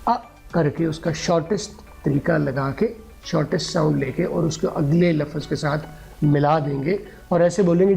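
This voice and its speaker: Gravelly man teaching English slowly. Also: on the high side, dark tone. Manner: patient, repeats words slowly for students. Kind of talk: classroom English lesson.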